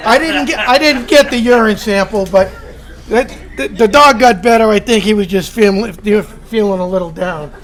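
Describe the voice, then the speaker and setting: A man with a notably high voice tells a comic story to a room full of people. He chuckles as he goes and trips over his own restarts. A crowd laughs loudly in the background. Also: normal speed. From Florida. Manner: chuckles through his telling, stumbling restarts. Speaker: recovery meeting speaker. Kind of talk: humorous storytelling to an audience.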